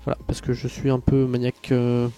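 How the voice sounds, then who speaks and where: Man, game tutorial narration, rambling, hesitant, mellow tone, faint music. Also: mid-range voice, monotone, a little fast. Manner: chatty, rambling, with many hesitations and asides. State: tired. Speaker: Minecraft tutorial youtuber.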